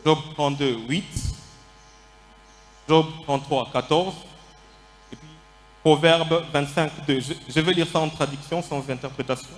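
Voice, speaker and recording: High-voiced lisping male preacher in a hall. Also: steady tone, measured pace, pauses often. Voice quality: lisp, slushy sibilants. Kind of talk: sermon delivered phrase by phrase with pauses for an interpreter. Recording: echoey hall with long reverb, faint music.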